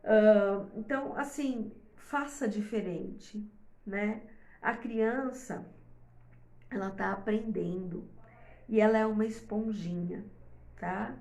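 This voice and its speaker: A middle-aged woman and mother giving parenting advice in a casual, rambling talk to camera, full of fillers and tag questions, often pushing her voice up high for emphasis. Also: slow, darkish tone, roomy sound.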